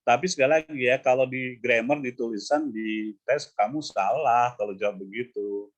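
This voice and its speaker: A man's voice: medium pitch, highs cut off. Man patiently coaching English grammar on a call. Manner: explains patiently, repeating examples slowly. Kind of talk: casual online English lesson. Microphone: video call.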